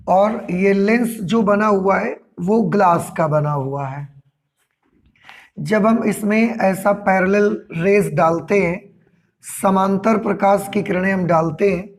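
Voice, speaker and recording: A man teaching a physics class, explaining slowly and repeating key points step by step. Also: high-pitched. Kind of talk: classroom lecture.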